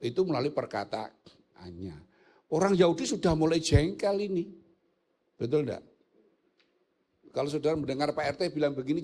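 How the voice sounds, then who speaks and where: An older man with a Javanese accent, a pastor teaching a church theology class, joking and asking his listeners rhetorical questions in casual speech. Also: on the high side. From Indonesia. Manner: mixes in colloquial local words.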